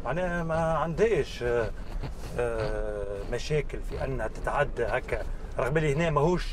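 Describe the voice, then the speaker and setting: A man's voice: medium pitch, lively intonation, fairly quick, background noise. A man in his thirties with a Tunisian accent, hosting a casual car test drive outdoors and in the car, chatty and slipping French words in. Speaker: car reviewer and host. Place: outdoors in desert, then inside a car. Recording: music playing under the voice.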